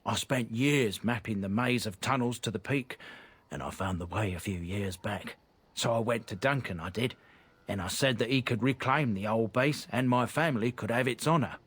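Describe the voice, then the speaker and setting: The voice is fairly low, husky, and fairly bright, at a moderate pace with no echo. A man plays a proud, blunt game merchant whose noble family has been disgraced, speaking in an earnest, plain-spoken way.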